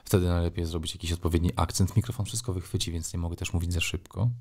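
Deep-voiced middle-aged guy, sports journalist being interviewed, lots of ums and pauses. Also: level tone, mellow, breathy edge. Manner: thoughtful, with frequent hesitations and fillers. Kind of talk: conversational interview answers.

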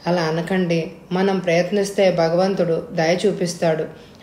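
A woman's voice: on the low side, flat delivery, unhurried, mellow, reverberant, a little hiss or hum, lightly acted. A woman voicing a polite, earnest young man in a spoken storybook.

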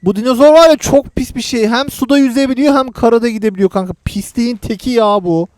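A man hosting a gaming channel, giving chatty, excitable play-by-play commentary to his viewers and teasing the friend playing with him. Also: extremely high pitch, fast, dry recording.

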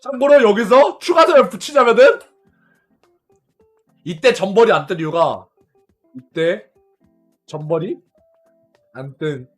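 A man's voice: high voice, lively intonation, measured pace, long pauses, soft background music. A young man streamer casually telling a story to his viewers, laughing often, repeating himself and swearing along the way.

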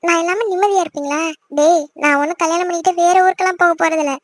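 A woman's voice: extremely high pitch, fairly even intonation, racing, no echo, clean studio sound. A woman voicing a teasing, bossy young older sister in a family cartoon, with a chirpy voice. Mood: caring. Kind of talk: cartoon voice acting.

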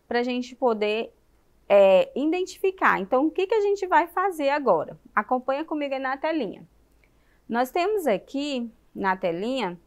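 A woman with a Brazilian Portuguese accent and a fairly high voice leads a primary school lesson for television. She keeps putting questions to the children and sounds out words slowly, one syllable at a time.

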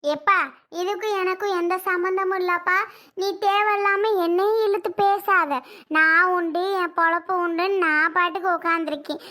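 A woman playing a nagging older mother-in-law who scolds and laments in a drawn-out village way. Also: very high-pitched, fairly even intonation, sharp tone. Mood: defensive. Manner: scolding, lamenting drawl with village Tamil speech. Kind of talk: family drama skit.

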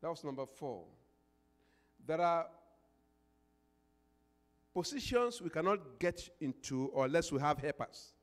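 Soft music plays behind an older pastor preaching on an indoor church stage with a handheld microphone. His slightly high voice is animated yet measured, broken by long pauses, as he emphatically repeats phrases, poses call-and-response questions and builds to prayer declarations. The church hall is reverberant.

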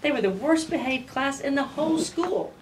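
A woman's voice: sits high, expressive, normal speed. A woman in her sixties reading a children's picture book aloud. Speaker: school principal. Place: book-lined school office. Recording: distant mic, faint noise.

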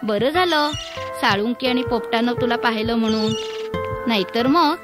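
A woman's voice: fairly high pitch, moderate pace, music in the background, lightly acted. A woman voicing a friendly male elephant in a children's story. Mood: relieved.

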